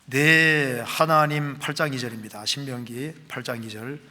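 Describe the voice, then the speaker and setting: A middle-aged man preaching a sermon as pastor, reading scripture aloud slowly and with rising emphasis. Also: medium pitch, pushed and bright.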